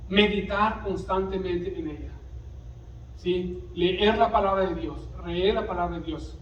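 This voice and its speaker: A man with a high-sitting voice preaches a sermon at a measured pace in a church sanctuary, frequently throwing questions to the congregation in call-and-response asides. The recording is echoey, distant, and muffled, with slight background noise.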